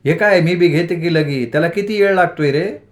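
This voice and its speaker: A man's voice: a little high, a little fast, voice pushed up, lightly acted. A man voicing a tender, chiding village mother. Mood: coaxing, tender. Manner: coaxing, chiding village dialect. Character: affectionate rural village mother, scolding tenderly. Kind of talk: dramatized audiobook storytelling.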